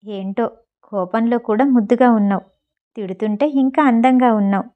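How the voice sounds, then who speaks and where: A woman voicing a gentle, teasing young man in an audio novel, speaking softly and calmly. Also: very high-pitched, moderate pace, phone-quality sound.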